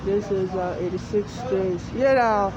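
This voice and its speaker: A woman from Africa giving a rambling, aggrieved personal monologue, halting and often repeating herself, outdoors in the rain. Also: mid-range voice, lo-fi sound. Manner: repetitive, halting and restarting, aggrieved. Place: outdoors on a city street in the rain. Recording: noisy outdoor street with traffic.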